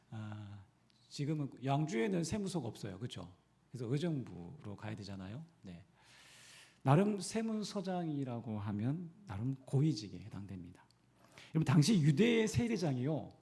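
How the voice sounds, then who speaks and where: A male pastor from the Gyeongsang region preaches a sermon in church and keeps asking the congregation questions. His delivery is animated, with wide swings in pitch. His voice is dark and mellow. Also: creaky. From Gyeongsang region, Korea.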